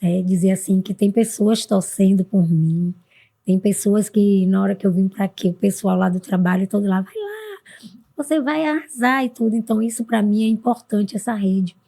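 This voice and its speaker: A middle-aged Brazilian woman guest on a podcast, speaking in a casual and earnest way. Her voice is mellow and soft-edged, with a middle pitch. She often jumps sharply upward when she quotes other people. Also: level tone, moderate pace, husky. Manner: earnest, with sudden high-pitched bursts when quoting others. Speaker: podcast guest, mentor for women. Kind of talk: casual interview talk.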